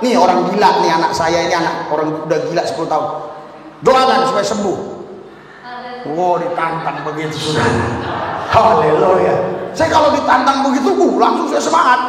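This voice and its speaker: Male pastor, high-pitched, animated sermon storyteller, recorded in a reverberant hall with faint noise. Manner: animated storytelling with acted quotes and laughter. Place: church hall with a live congregation.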